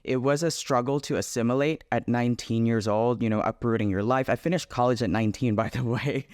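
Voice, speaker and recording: A man in his thirties from the Philippines with a Filipino accent, a nurse chatting as a guest on a video call interview, upbeat and quick to laugh. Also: mid-range voice, a little mellow, clear, resonant tone, no echo, studio quality. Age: 30s. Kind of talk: casual interview chat.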